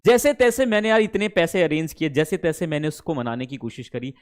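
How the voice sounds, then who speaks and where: Male teacher, higher-pitched, chatty, drills pronunciation, drawn-out lines. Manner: addresses students fondly as kids, mixes Hindi and English; slows down and stretches English phrases. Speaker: English teacher. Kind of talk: online spoken-English class.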